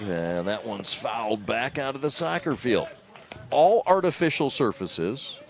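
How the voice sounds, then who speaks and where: Low-voiced man calling live baseball. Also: slight background noise. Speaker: baseball play-by-play announcer. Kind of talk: live sports commentary. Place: outdoors at a ball field.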